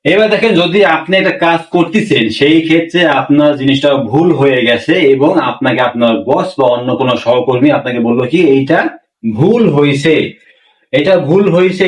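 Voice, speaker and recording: A man teaching a language lesson, repeating phrases slowly and asking the class rhetorical questions. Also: on the high side, lively intonation. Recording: roomy, mic far from speaker.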